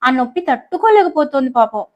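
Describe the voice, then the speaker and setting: A woman voicing a cunning, mischievous young college girl who talks in a sly, quick-witted way. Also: high voice, very animated, muffled recording. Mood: pleading.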